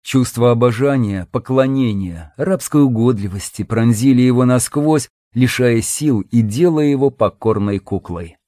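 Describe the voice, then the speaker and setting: A man narrating an audiobook in a steady, even storytelling manner. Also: mid-range voice, moderate pace, few pauses, no room sound, studio quality. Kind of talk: scripted narration.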